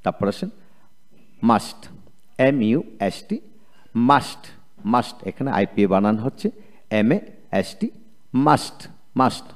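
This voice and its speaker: A man's voice: medium pitch, big pitch swings. A man with a Bengali accent teaching English spelling in a video lecture, drilling each word letter by letter and repeating it. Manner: slow, repetitive letter-by-letter drilling.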